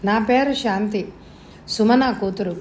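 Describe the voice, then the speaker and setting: A woman voicing a gentle, sorrowful young mother who speaks softly and wearily in a storybook reading. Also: medium pitch, a little slow, slight background noise, close to an everyday voice. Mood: sad. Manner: soft, tired speech.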